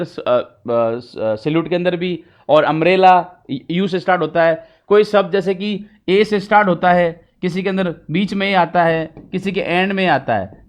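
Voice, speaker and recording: A man's voice: high voice, lo-fi sound. A young man with a Hindi accent teaching an English grammar lesson, mixing Hindi and English and checking in often with his students. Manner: mixes Hindi and English, casual explaining with frequent checks.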